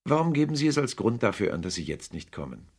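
A man's voice: medium pitch, sing-song, fast talker, a little mellow, husky, pitched above the performer's own voice. A man doing an earnest, pleading young nephew.

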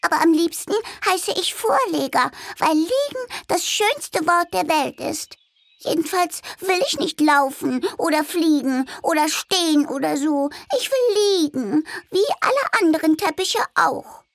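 A woman's voice: extremely high pitch, lively intonation, measured pace, creaky, no room sound, voice pushed up, heavily acted. A woman voicing a small, sleepy, grumpy male flying carpet in a storybook reading, with a whiny, complaining voice. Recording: faint music behind.

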